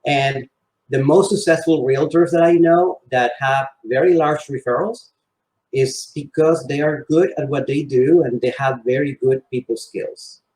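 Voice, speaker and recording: Speaking unhurriedly in a medium-pitched, slightly mellow voice, a man answers interview questions in a casual, conversational way. He sells real estate, comes from Venezuela and Spain, and grew up speaking Spanish; the roomy space gives the recording an echo.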